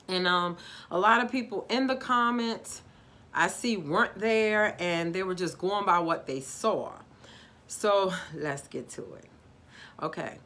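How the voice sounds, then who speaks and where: A Baltimore woman in her forties with a Baltimore accent, a YouTube vlogger, chats casually to viewers while reviewing something in her decorated living room. She's animated, talks with her hands and calls her viewers "guys." Her voice is on the low side and unhurried.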